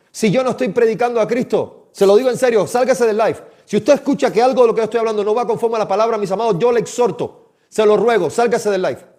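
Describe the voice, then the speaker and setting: A man's voice: very high-pitched, a little mellow. A man preaching a live-streamed sermon, impassioned and exhorting, often calling his listeners his beloved. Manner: impassioned, exhorting, addresses listeners as "mis amados".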